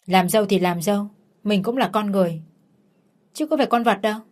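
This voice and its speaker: A woman's voice: medium pitch, a little fast, a little mellow, natural voice. A woman doing a blunt, gossipy pharmacy saleswoman. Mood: frank. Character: frank, kindly pharmacy saleswoman.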